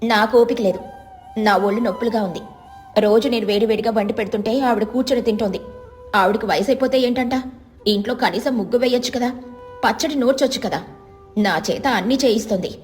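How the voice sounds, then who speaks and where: A woman voicing a stubborn, resentful young wife who snaps and complains quickly. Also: on the high side, darkish tone, soft background music, natural voice.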